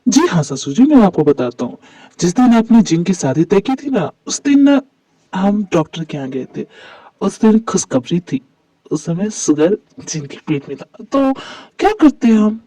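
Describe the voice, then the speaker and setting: A voice actor doing a cheeky young husband who coaxes his wife and teases his father-in-law. The mid-pitched voice sounds a little distant but dry, as in an amateur fan dub drama. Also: very animated, a little slow, warm tone, dry recording. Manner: playful, cheeky. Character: teasing young husband, man.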